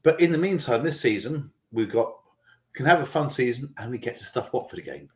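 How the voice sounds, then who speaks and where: A man's voice: mid-range voice, lively intonation, fairly quick, darkish tone. A man co-hosting a casual football podcast, trading teasing banter and swearing now and then. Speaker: podcast co-host.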